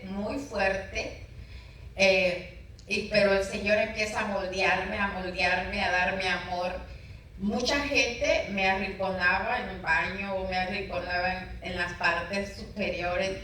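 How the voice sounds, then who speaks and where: A woman's voice: mid-range voice, sharp tone. A middle-aged woman pastor telling her personal testimony in an interview, emotional and storytelling, acting out remembered conversations. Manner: emotional, storytelling with dramatic retold dialogue. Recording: very echoey room, voice from far off.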